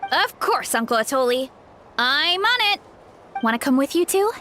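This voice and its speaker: High-voiced, modest young game heroine. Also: female voice, sing-song, moderate pace, sharp tone, soft background music, exaggerated voice. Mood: cheerful. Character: sweet modest young female eating champion. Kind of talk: video game voice acting.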